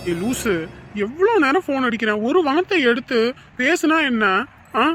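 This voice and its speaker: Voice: high voice, lively intonation, moderate pace, a bit bright, a little hiss or hum. A performer playing a young village man who keeps pressing over the phone in a family drama. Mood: pushy.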